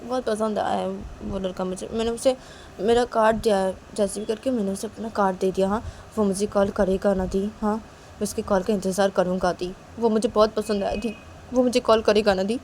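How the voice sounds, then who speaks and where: A woman voicing a shy, lovestruck young man who talks softly and pleads with his older sister. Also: medium pitch, fairly even intonation, brisk, a little hiss or hum, pitched above the performer's own voice, close to an everyday voice. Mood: pleading.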